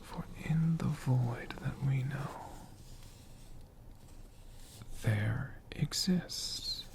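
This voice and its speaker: An ASMR storyteller of unclear sex tells tales in a hushed, drawn-out manner with long pauses and repeated words. The voice is medium-pitched and creaky.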